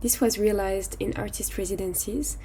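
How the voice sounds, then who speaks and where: A woman reading a scripted voice-over softly. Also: mid-range voice, fairly even intonation, normal speed, creaky, slight background noise. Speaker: narrator. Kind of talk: scripted narration.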